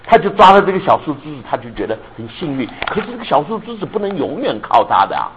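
Male pastor, animated sermon storyteller, slightly raised pitch, drops in English words. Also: quick pace, lo-fi sound. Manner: animated, often checks if listeners understand; mixes English words into his speech.

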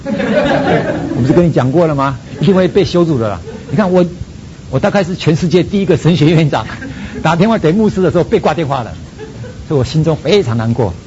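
A male preacher with a Taiwanese Mandarin accent tells a personal testimony in a lively, storytelling manner, acting out his own prayers. His voice sits a little high. The recording is dull and lo-fi, with a faint rumble underneath. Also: quick pace. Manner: animated storytelling, acts out prayers. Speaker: seminary president, preacher. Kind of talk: sermon testimony.

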